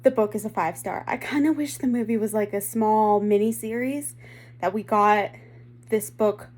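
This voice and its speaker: A woman's voice: a little high, normal speed, warm tone. A woman book vlogger chatting casually and enthusiastically, often breaking off and restarting her sentences. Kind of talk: casual vlog chat.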